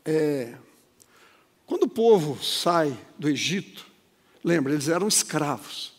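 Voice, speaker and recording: Brief: male pastor, dramatic sermon storytelling, husky high voice, hall reverb. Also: big pitch swings, slow pace.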